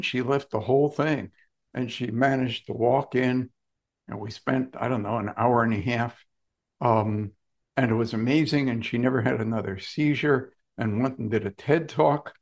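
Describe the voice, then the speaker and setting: A man's voice: medium pitch, darkish tone. Guy telling a story in an interview, emphatic, kinda blunt and salty. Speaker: author and interview guest. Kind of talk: conversational storytelling.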